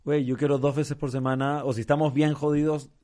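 A man's voice: fairly high pitch, little pitch movement, brisk, dark tone. Casual Mexican man telling stories. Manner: casual storyteller with slang, acting out voices in jokes. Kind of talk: casual conversation, telling a joke.

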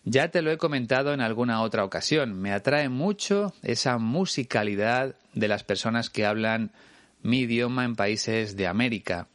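A man's voice: mid-range voice, lively intonation, moderate pace, no echo. A man from Spain with a Spain Spanish accent, teaching a language lesson and patiently explaining things straight to the listener. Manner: patient, clear and explanatory, addressing the listener directly.

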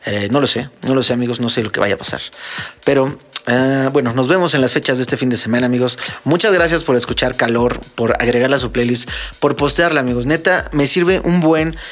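This podcast host and DJ is a young man whose Mexican Spanish accent colors a mid-range, fairly bright voice that moves fairly quickly. Going solo and casual, he jokes, tells funny stories and talks straight to his audience as friends.

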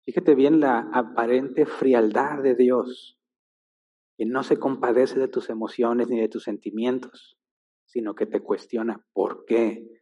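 A man's voice: medium pitch, fairly even intonation, unhurried, dark tone. A man preaching a sermon, emphatic and full of rhetorical questions. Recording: long-reverb hall, dull lo-fi sound.

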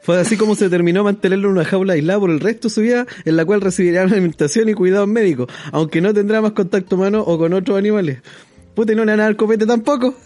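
A man's voice: high voice, racing, darkish tone, faint music behind. A young Chilean man co-hosting a podcast, reading news aloud and adding crude jokes. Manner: joking, reads news and adds crude comments. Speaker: podcast co-host.

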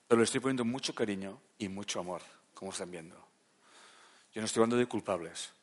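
A therapist lectures in a fast, conversational way, often checking that his audience is keeping up. His voice sinks soft and low, then climbs into loud, emphatic bursts.

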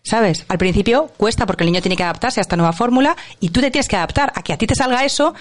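A woman's voice: on the high side, animated, fast. A woman, an author and workshop leader, explaining parenting ideas emphatically in a conversation. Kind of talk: interview conversation.

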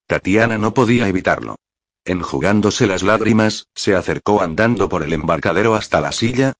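A man narrating a novel as an audiobook, reading in a calm, measured way on a close mic. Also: sits low. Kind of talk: scripted narration.

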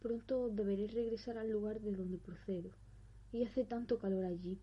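A woman voicing a mournful, mocking female ghost, speaking softly with a breathy tone. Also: medium pitch, fairly even intonation, moderate pace, natural voice. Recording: dull recording with faint music.

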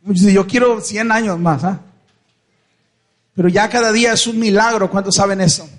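A man's voice: high-pitched, fairly even intonation, fairly quick. A man with a Mexican accent telling a Bible story at a church concert, asking the crowd questions and acting out voices. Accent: Mexican Spanish. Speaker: worship band singer preaching between songs.

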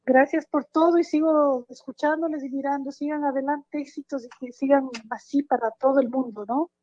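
A woman's voice: sits high, steady tone, moderate pace, darkish tone, slight background noise. A woman calling in to a talk show, reflecting thoughtfully and thanking the hosts. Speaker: caller. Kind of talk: grateful caller testimony. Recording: dull lo-fi line.

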